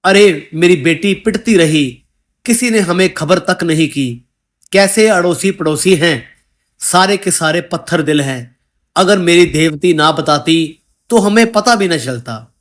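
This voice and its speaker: A man's voice: on the high side, expressive, unhurried, fairly bright tone. A man voicing a grieving mother who laments her murdered daughter and accuses the neighbours. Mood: lamenting.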